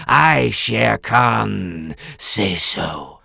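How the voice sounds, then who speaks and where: A man voicing a huge, angry male tiger who speaks slowly, loudly and with menace, in a storybook reading. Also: on the low side, animated, gravelly, dry recording, studio quality, full character voice. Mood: menacing. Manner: slow, loud and looming.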